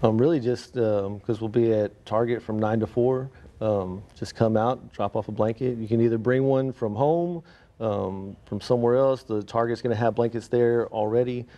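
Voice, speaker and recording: A man's voice: mid-range voice, steady tone, normal speed, warm tone, muffled recording. A man in his thirties, a biker club member guest on a TV studio couch, laid-back and polite. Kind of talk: TV studio interview. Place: local TV news studio, on a couch. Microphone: lapel mic.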